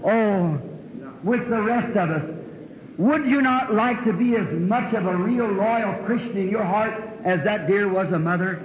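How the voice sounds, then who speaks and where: High-voiced preacher in an echoey hall. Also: male voice, a little slow, slight background noise. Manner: folksy storytelling, rural dialect grammar. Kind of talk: sermon with a told story. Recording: dull echoey old hall recording.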